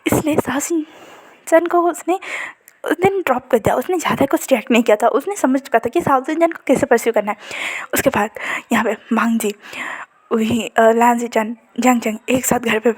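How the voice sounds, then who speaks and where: A woman casually retelling a story in a chatty, loose way, often correcting herself mid-sentence. Her voice sits fairly high. She sounds like she is speaking off the cuff rather than reading a script. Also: fairly quick, breathy edge. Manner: chatty, loose, with frequent fillers and self-corrections. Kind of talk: casual fan-fiction retelling.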